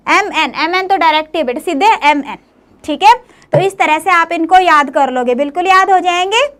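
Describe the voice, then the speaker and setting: A woman's voice: very high voice, a bit bright. A woman teacher giving a classroom lecture, often coaxing her students with questions as she goes. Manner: coaxing, often asks "clear, beta?".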